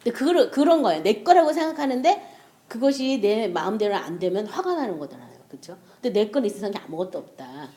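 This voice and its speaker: A woman's voice: medium pitch, very animated, fast, warm tone. A middle-aged woman preaching a sermon, telling stories with rhetorical questions and bursts of laughter.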